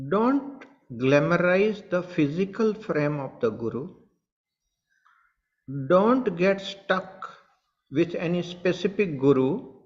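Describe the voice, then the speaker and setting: Addressing his online followers directly, an Indian English–accented spiritual teacher delivers an earnest satsang talk, returning to the same points again and again. The voice is a little high, with the top frequencies cut off.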